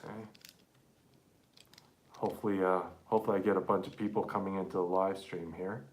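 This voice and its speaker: A man live-streaming an accordion repair, chatting casually and haltingly to viewers while he works with his hands. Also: low-pitched, little pitch movement, a little mellow.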